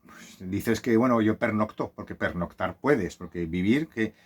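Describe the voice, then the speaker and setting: A man's voice: lowish voice, moderate pace, slightly rough. A man who lives on a sailboat tells a casual, rambling story with many restarts, recorded on a phone. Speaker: vlogger living on a sailboat. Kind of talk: casual monologue.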